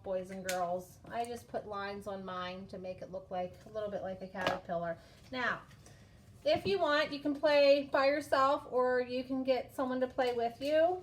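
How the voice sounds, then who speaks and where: Patient preschool teacher, fairly high woman. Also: slight background noise. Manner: patient, sing-song teacher talk to small children. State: out of breath from blowing through a straw. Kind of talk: craft lesson for young children.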